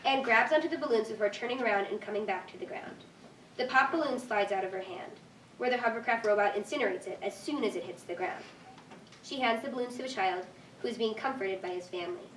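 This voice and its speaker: In an echoey room with faint noise, captured from a distance, a woman narrates the scripted stage directions for a staged reading. Her voice sits on the high side and sounds pushed and bright.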